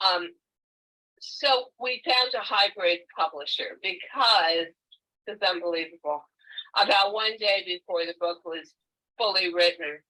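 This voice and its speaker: An older woman, an author, telling her own story as a guest on a video call in a candid, emphatic, animated way. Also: fairly low pitch, poor audio. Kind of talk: conversational interview. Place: home, virtual meeting.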